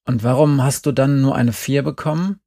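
A calm, fair-minded mother in a storybook, voiced by a man reading aloud. She reasons gently and steadily, in a slightly gravelly, close, dry voice. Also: medium pitch, moderate pace, dry recording. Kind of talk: scripted narration.

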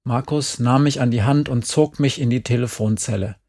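A man's voice: medium pitch, moderate pace, darkish tone. A man reading a first-person story aloud in a dry, understated way. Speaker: narrator.

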